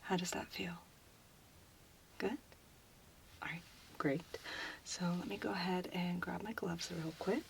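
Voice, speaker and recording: A woman playing a gentle, reassuring doctor in a soft, unhurried whispered role-play. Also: fairly low pitch, creaky, noisy background. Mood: soothing, caring.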